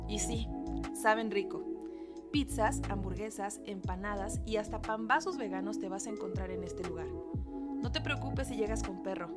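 A woman's voice: mid-range voice, moderate pace. A woman host, introducing her guest and asking enthusiastic interview questions. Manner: enthusiastic and admiring. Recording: music playing behind the voice.

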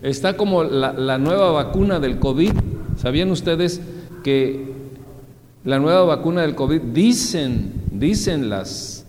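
A man's voice: animated, a little slow, slight background noise. Man preaching in a reverberant hall. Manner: asks the audience questions and answers them; swings from loud high exclamations to low soft asides. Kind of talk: sermon. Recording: long reverb, faint background ambience.

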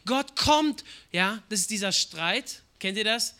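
Impassioned bright-voiced male preacher. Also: high voice, animated, slow, clean tone. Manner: impassioned, swings from hushed to shouting; acts out quoted prayers and voices. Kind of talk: sermon.

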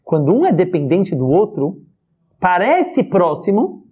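A man with a Brazilian Portuguese accent gives a spoken religious lesson as a rabbi. His voice is a little husky, and his pitch rises and falls a lot. He keeps asking rhetorical questions and often breaks into a chuckle. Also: wildly swooping pitch, unhurried, warm tone. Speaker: rabbi teaching a class.

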